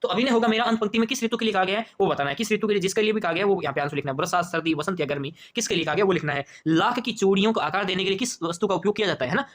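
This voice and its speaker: Rajasthani hindi guy teaching, high voice, talks fast, keeps quizzing and repeating himself. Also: fairly bright tone. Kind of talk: exam paper walkthrough lesson.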